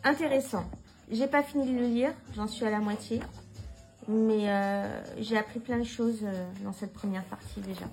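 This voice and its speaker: In a casual vlog, a tarot reader shows her books to viewers in a mid-range, gravelly, darkish voice at a steady, moderate pace, with soft music behind her and rough audio. She's frank and informal, swears mildly, and hesitates with lots of fillers and restarts.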